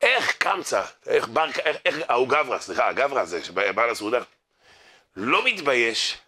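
A man giving a humorous religious lecture to an audience, telling stories, acting out the people in them and urging his listeners to pay attention. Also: mid-range voice. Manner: lively storyteller who acts out others' voices and jokes; addresses the crowd directly, urging them to listen. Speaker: rabbi giving a Torah class.

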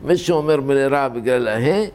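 An older man giving an informal scholarly talk on how scripture is read, explaining deliberately and repeating and correcting himself as he goes. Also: medium pitch, darkish tone, clean tone. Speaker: religious teacher.

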